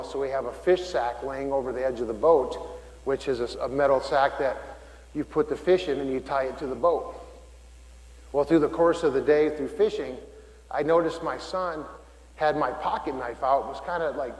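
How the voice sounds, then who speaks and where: A man's voice: on the high side, darkish tone. A middle-aged man, a deacon, preaching a homily and telling a personal story in a folksy way with frequent restarts. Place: church. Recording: roomy church with long reverb.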